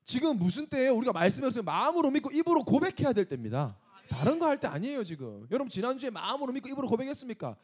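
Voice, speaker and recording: Fiery high-voiced Korean pastor preaching. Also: male voice, big pitch swings, racing, slightly rough. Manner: emphatic, scolding, rhetorical questions. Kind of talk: sermon to a young adult service.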